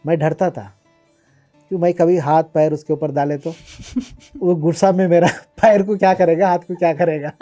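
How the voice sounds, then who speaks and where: Male interview guest, mellow tone, chatty anecdotal delivery, light English mixing. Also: a little high, fairly even intonation, normal speed, soft background music. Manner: chatty, mixes English words, laughs while recalling. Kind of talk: casual personal storytelling.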